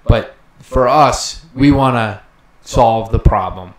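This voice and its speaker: A man's voice: mid-range voice, takes it slowly. A man co-hosting a podcast, chatting casually and telling stories with easy laughs. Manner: easygoing storyteller, laughs as he talks. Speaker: podcast co-host. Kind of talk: casual chat. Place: room with a podcast table. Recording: roomy echo, faint ambient noise.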